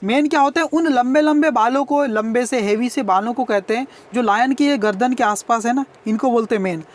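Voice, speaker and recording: A woman's voice: fairly high pitch, brisk. Woman teacher quizzing and spelling. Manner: asks questions and answers them herself, spells words letter by letter. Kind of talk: explaining an English textbook lesson.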